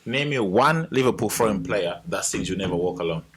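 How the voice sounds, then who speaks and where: A young man speaks in a low, deep voice on a podcast. He talks things through steadily, laying out context piece by piece. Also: lively intonation. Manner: measured, explaining. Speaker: podcast co-host. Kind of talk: casual chat. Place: podcast studio.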